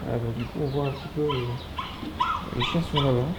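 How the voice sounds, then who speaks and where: A man chatting casually as he films a tour of a holiday apartment, joking and filling pauses with hesitations. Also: mid-range voice, huge pitch swings, very noisy. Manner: chatty, joking, many fillers. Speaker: vlogger. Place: indoors and on a balcony.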